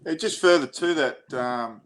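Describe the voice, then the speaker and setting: A middle-aged man with a mid-range voice hosts a podcast at a measured pace. In a casual interview chat, he jokes around, stays chatty and asks rambling questions.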